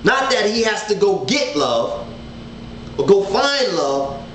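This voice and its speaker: Slow and very animated, this man's high-pitched, fairly bright voice leads a casual Bible study for an online audience from his living room. In his thirties, he's earnest and full of gesture, often repeating words as he thinks. The desk-distance webcam captures roomy audio with a little hiss or hum.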